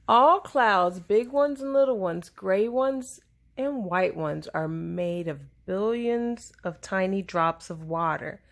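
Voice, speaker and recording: A woman reads a children's science book aloud slowly and deliberately, using simple phrasing suited to a young listener. Her mid-range voice is expressive, with a noticeable creak and fry at its edges.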